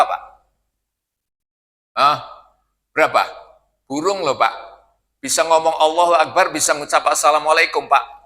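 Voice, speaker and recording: Speaking in a bright, forceful voice on the high side, an older man preaches an evening mosque sermon in a joking, chatty way. He questions the audience, frequently saying "Pak?", and chants verses of scripture, with the long echo of the mosque hall around him.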